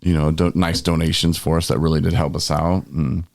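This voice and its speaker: A man hosts a podcast in a very low voice with a gravelly edge of vocal fry. He chats casually and rambles along in loose, conversational phrases. The recording is dry and close. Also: level tone, brisk, darkish tone, no echo. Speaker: podcast host. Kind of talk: casual chat.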